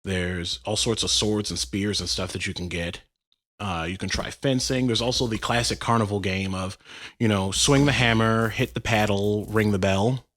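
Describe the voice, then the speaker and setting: A man's voice: lowish voice, fairly even intonation, moderate pace, a bit bright, no room sound, clean studio sound. A man co-hosting a podcast in casual chat, playful and laughing often. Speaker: podcast co-host.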